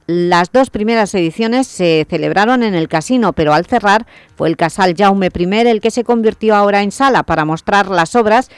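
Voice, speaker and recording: A man reading a local radio news bulletin in a steady, measured way. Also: high voice, smooth, dry recording.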